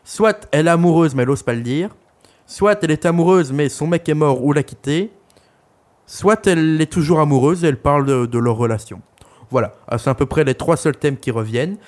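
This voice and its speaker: A young man with a fairly high voice talks a bit fast as he co-hosts a podcast reviewing an album. His casual chat is crude and meandering, packed with fillers.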